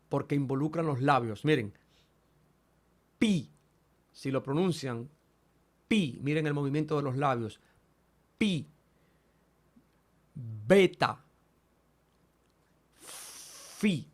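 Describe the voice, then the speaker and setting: A man's voice: on the high side, normal speed. A man teaching a Greek lesson, modeling each letter's sound aloud and speaking directly to his students. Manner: addresses students directly, repeats key points. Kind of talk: online language lesson.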